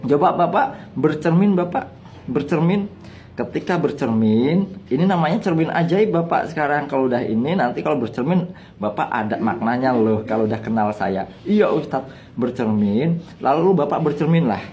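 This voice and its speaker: A man's voice: fairly high pitch, lively intonation, moderate pace, darkish tone, slight background noise. A male Islamic preacher giving a sermon, telling a story and firing rhetorical questions at his listeners. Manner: storytelling, rhetorical questions, addresses the audience directly. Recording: guitar music underneath.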